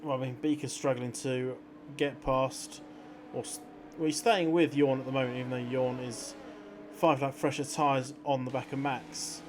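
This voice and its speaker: A motorsport commentator with a steady, mid-range male voice offers conversational race analysis at a moderate pace, explaining incidents and strategy. The background is noisy.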